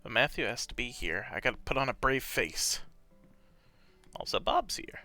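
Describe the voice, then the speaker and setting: Gravelly, animated streamer man. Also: mid-range voice, moderate pace, faint music behind. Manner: playful, reading and riffing on game lines. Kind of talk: live gameplay commentary.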